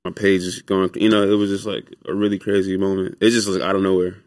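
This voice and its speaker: A young man, a music producer, telling stories in a relaxed, rambling interview full of fillers. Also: low voice, fast talker, no room sound, studio quality. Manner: laid-back, rambling with many fillers. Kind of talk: casual storytelling interview.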